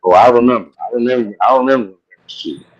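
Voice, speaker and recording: A man in casual sports-show chat, laid-back and agreeable, quick to back others up. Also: medium pitch. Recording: dull lo-fi mic.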